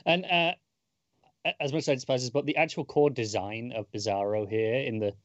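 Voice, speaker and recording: A man's voice: mid-range voice, fairly even intonation, normal speed, no room sound, muffled recording. Hesitant man on a podcast, dry sound. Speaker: podcast co-host. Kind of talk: casual chat.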